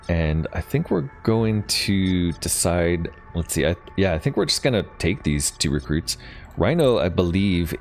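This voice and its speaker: A man's voice: deep voice, a little mellow. A man casually thinking aloud while playing a strategy game, with lots of ums and hesitations. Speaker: gaming channel host. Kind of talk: casual let's play commentary.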